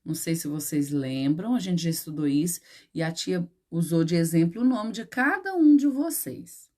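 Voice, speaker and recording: Brazilian schoolteacher, female, slightly low voice, patient and explanatory with lots of check-ins. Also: expressive, moderate pace, dark tone. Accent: Brazilian Portuguese. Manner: patient, explains step by step with frequent "né?" and "certo?". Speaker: primary school teacher. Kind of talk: remote lesson for children.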